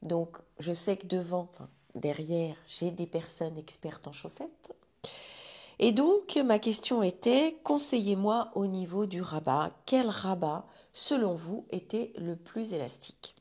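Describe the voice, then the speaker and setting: A woman's voice: fairly low pitch, a little slow, darkish tone. A woman talking casually to her viewers about knitting, chatty and rambling, with frequent restarts. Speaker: knitting vlogger.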